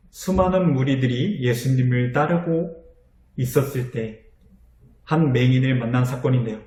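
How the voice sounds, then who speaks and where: A man preaching to teenagers, telling a Bible story in a friendly, animated way. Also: mid-range voice. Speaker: youth pastor. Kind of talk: storytelling youth sermon. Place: church. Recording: echoey room.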